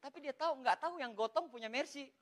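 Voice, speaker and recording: A man giving a lively, joking motivational talk, repeatedly addressing his audience as "Pak". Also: extremely high pitch, fast talker. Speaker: MLM motivational speaker.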